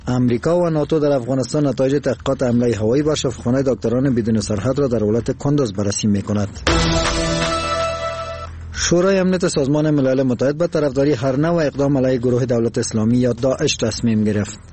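A man with an Afghan accent reading scripted news headlines on the radio. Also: mid-range voice. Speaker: radio newsreader. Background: loud music bed.

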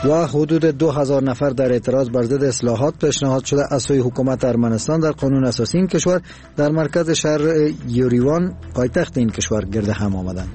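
A man with an Afghan accent reading scripted news headlines on the radio. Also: mid-range voice. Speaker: radio newsreader. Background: loud music bed.

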